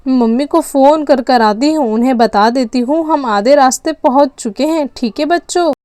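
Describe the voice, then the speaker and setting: High-voiced chatty motherly woman. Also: normal speed, a little mellow, smooth, no room sound. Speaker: narrator and doll-story voice actor. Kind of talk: doll story role-play.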